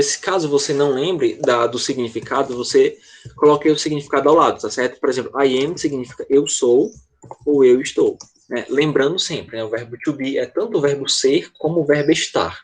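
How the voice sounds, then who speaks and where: Patient Brazilian male teacher, slightly high. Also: husky. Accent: Brazilian Portuguese. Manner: patient, explains slowly, checks in often. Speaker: English teacher. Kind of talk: online class for children. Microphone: video call.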